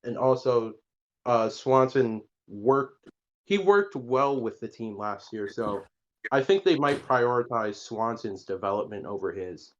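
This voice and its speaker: A man's voice: mid-range voice, expressive, unhurried. A man on a panel giving short, plain opinions in casual talk. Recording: dull lo-fi mic.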